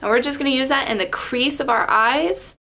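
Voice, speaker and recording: A young woman from Las Vegas speaks a little fast in a high-pitched, sharp-toned voice. Chatty and rambling, the beauty vlogger talks through a makeup tutorial into a webcam positioned in front of her in her bedroom.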